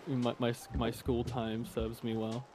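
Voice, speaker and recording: A man's voice: mid-range voice, monotone, unhurried, warm tone, soft background music. A man joking playfully in casual stream chat. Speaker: stream co-host.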